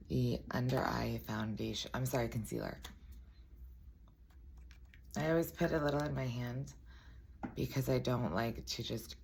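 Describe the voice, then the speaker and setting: A woman with a raspy voice giving a casual makeup tutorial, chatty and full of self-deprecating asides. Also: extremely low pitch, slight background noise.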